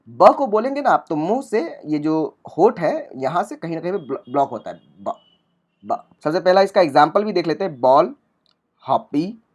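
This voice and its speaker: A man teaching spoken English, explaining step by step and repeating each sound and example word while reading from notes on a laptop. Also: on the high side.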